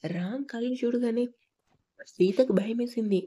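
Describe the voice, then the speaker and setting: A woman narrating a romance story in a hushed, intimate way. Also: on the high side, a little slow.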